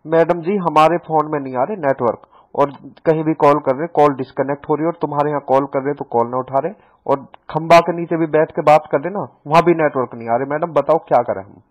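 A man with a rural North Indian, Haryanvi-influenced accent making a comic phone call in a folksy, rambling, deadpan way. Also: fairly high pitch, fairly quick. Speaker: prank caller.

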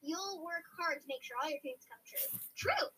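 A woman's voice: very high-pitched, very animated, normal speed, bright, forceful tone. A young girl co-hosting a casual podcast, chatting and reading quizzes aloud into a laptop mic. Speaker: podcast co-host. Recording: noisy laptop-style mic with clicks.

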